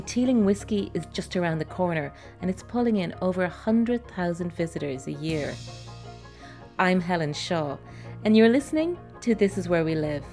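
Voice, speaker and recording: A woman's voice: lowish voice, darkish tone. A woman with an Irish accent, presenting a podcast and putting questions as the interviewer.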